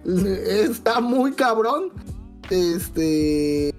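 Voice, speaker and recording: A woman with a Mexican accent, chatting on a podcast. Her voice sits at a middle pitch. She spins slangy, profane anecdotes and acts out what people said. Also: very slow, soft background music. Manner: slangy, profane, animated anecdotes with quoted dialogue. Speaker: podcast guest. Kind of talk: casual storytelling chat.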